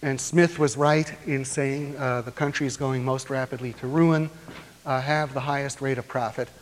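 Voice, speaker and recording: A man giving an academic lecture to a class, explaining step by step in a measured, deliberate way with frequent hesitant pauses. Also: mid-range voice, steady tone, slight background noise. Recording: long reverb of a lecture hall.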